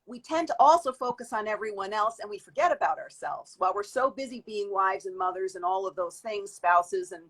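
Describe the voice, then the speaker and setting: Speaking in a mid-range voice with a breathy edge, a fifty-something woman from the beauty industry answers interview questions at length and reflectively, frequently starting over. The recording is low quality.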